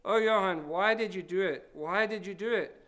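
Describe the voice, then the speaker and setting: A man's voice: high voice, moderate pace, sharp tone. A man reading aloud the pleading lines of a frightened, grieving wife.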